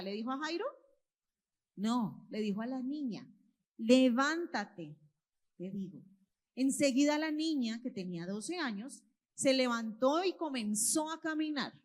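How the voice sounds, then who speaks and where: A woman, telling a Bible story to children and parents in church and quizzing them as she goes. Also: high-pitched. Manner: expressive, quizzes the listeners. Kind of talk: storytelling sermon to families. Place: church hall with children present.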